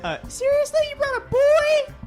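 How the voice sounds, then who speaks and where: A man's voice: very high voice, flat delivery, normal speed, darkish tone, soft background music, voice pushed up. A man voicing a small, moody teenage girl who talks in a snappy, confrontational way.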